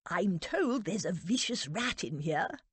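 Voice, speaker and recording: A woman narrator voicing an eager, pompous young lord in a romance audiobook, calling out loudly and fussily. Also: fairly low pitch, sing-song, measured pace, husky, no echo, heavily acted.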